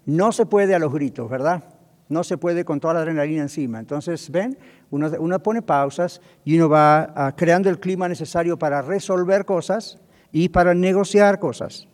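A man's voice: a little high, normal speed, darkish tone. A man preaching as a pastor on marriage communication, often checking in with his listeners and acting out quoted speech. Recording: long hall reverb.

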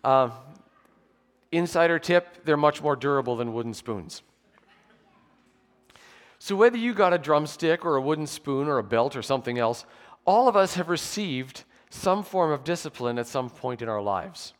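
Man in his 40s, pastor at a pulpit mic, slightly high voice, measured sermon delivery with dry humour, long church reverb. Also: animated. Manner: measured, explanatory preaching with occasional dry humour. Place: church sanctuary with pews.

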